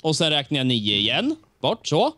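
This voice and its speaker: A man's voice: fairly high pitch, wildly swooping pitch, pushed and bright, no echo, studio quality. A Swedish man co-hosting a casual gameplay chat, counting blocks aloud and laughing easily. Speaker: let's play co-host.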